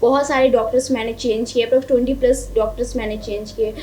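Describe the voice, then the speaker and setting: A woman's voice: fairly high pitch, fairly even intonation, fast talker, mellow, a little hiss or hum. A young woman from Bihar, India, speaking as an interview guest. She explains her points one at a time and keeps checking that the listener is following. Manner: earnest, explains step by step, often checks in with "ठीक है?". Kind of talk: conversational interview.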